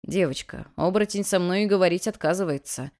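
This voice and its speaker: A woman voicing a gruff but kindly male mentor in an audiobook, using a grumbling, lowered tone. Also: quick pace, darkish tone, close to an everyday voice.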